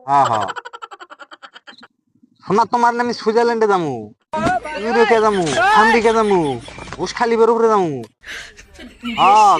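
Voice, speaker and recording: Doting man on a comic phone call. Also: sits high. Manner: doting, over-the-top sweet talk. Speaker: comedy sketch performer. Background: background music.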